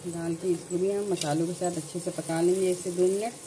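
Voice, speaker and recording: A woman narrating a home cooking tutorial, calmly explaining each step in order. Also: fairly low pitch, a little fast, noisy background. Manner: calm step-by-step instructions. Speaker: cooking channel host.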